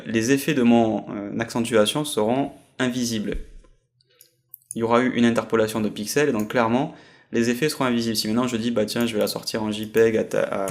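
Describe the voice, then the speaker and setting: A man giving a screen-recorded software tutorial, explaining step by step with frequent hesitations. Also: mid-range voice, vocal fry. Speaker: software trainer.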